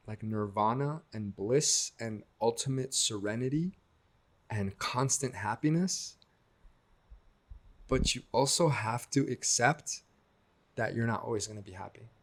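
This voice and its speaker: A young man from the United States, a guest speaking reflectively in a casual interview, lively when he quotes others. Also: mid-range voice.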